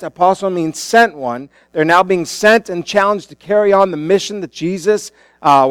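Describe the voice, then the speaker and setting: A man's voice: a little high, clear, resonant tone, dry recording. A man preaching at a pulpit microphone, teaching the Bible in an informal, conversational sermon style. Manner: informal, asks the congregation questions. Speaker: pastor preaching. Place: church, speaking to congregation.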